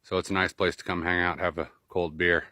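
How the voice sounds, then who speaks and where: A man with a low, flat, brisk voice that sounds pushed and bright narrates a casual outdoor vlog in short bursts while trudging on snowshoes through snowy woods and fields, winded from the exertion. Despite the outdoor setting, the audio has no echo and is studio quality.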